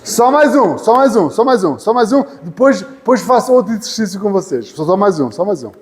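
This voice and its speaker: A man teaching an English class, playful and teasing, repeating words slowly and clearly for his students. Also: sits high, big pitch swings, darkish tone, big-room sound. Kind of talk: classroom lesson. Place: church hall classroom.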